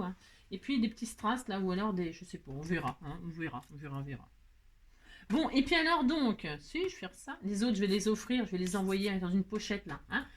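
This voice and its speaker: A middle-aged woman hosting a craft tutorial, chatting playfully to her viewers as she works. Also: medium pitch. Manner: chatty and playful, talks to viewers, many tag words. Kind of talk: casual craft tutorial talk.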